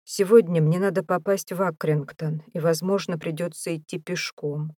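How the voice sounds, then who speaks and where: A woman voicing a wry, brisk middle-aged male priest in an audiobook, dry and matter-of-fact. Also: on the low side, steady tone, mellow, no room sound, close to an everyday voice.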